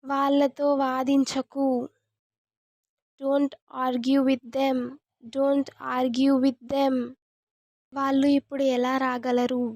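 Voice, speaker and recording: A woman, teaching English as a language lesson, saying each sentence twice in a slow, deliberate way. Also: sits high, completely flat delivery, darkish tone, no echo.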